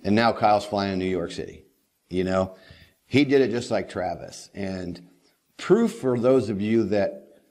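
Middle-aged male host, low-set voice, folksy and rambling, casual to-camera chat. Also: measured pace, a little mellow. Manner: folksy and rambling, with frequent "you know". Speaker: host of a daily helicopter training video series. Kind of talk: casual talking-head monologue.

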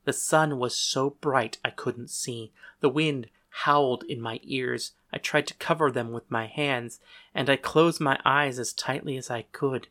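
A man narrating a story in the first person, calm and measured. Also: mid-range voice.

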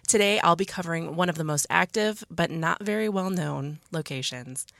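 Low, creaky-voiced woman podcaster. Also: normal speed, fairly bright tone, dry recording, studio quality. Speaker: podcast host. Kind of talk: casual podcast chat and storytelling. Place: small dry podcast studio.

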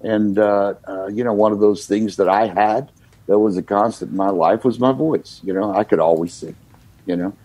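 An older American singer-songwriter, appearing as a guest, tells his story in a relaxed, reflective way, peppered with "you know." His voice is on the low side with a breathy edge, moving at a moderate pace over faint background music.

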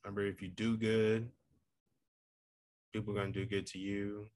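This is a casual solo podcast monologue from a male host with a lowish, slightly mellow voice, flat delivery, and moderate pace. He rambles in a playful, self-promoting way, plugging the show and giving motivational advice about life.

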